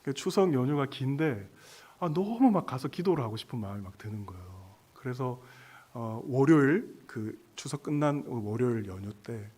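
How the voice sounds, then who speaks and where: A man's voice: medium pitch, moderate pace, hardly any pauses, darkish tone, breathy edge. A male pastor giving a church sermon, telling a personal story in a conversational way with many fillers and speaking directly to the congregation. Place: church sanctuary.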